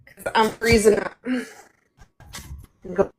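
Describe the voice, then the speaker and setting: A woman's voice: on the high side, level tone, slow pace, low-quality recording. A woman guest chatting enthusiastically on a phone video call, laughing often. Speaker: guest artist. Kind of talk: casual video-call chat. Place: moving from indoors to outdoors.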